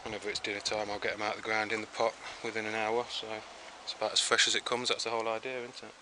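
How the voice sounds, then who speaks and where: A chatty man strolls through his backyard vegetable plot, talking in an easygoing, rambling way. His voice sits fairly low, caught on the camera he films with. Steady outdoor noise hums behind him in the open air. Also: fast talker. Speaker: home gardener. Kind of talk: casual garden tour narration.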